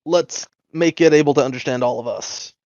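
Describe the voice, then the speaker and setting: A man's voice: a little high, brisk, darkish tone, no room sound. A man who is a tabletop game player, eagerly explaining how a spell works. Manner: eager, rule-explaining talk. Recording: dull lo-fi dry mic.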